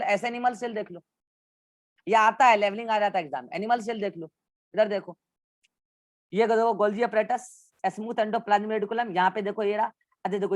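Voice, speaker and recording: A man's voice: sits high, dry recording. Male biology teacher, dry close sound. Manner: talks students through textbook diagrams, mixing English terms into Hindi; repeats instructions over and over. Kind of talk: online class lecture.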